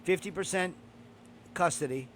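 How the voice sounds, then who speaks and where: Blunt high-voiced man ranting. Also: normal speed, fairly bright tone, slight background noise. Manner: blunt, profane, opinionated ranting. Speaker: podcast host. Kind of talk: casual podcast chat.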